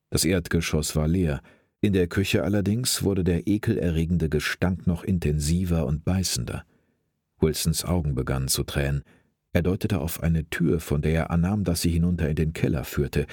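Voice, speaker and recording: A man reading a crime story aloud in a steady, measured narration. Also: rumbling low, husky, no echo, clean studio sound. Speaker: audiobook narrator.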